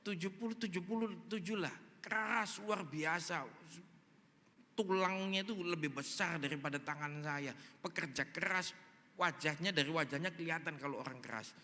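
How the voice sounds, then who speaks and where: A man's voice: fairly high pitch, moderate pace, bright, forceful tone. A male pastor preaching a sermon, telling a story animatedly and acting out the dialogue. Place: large church hall. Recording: long reverb in a large hall.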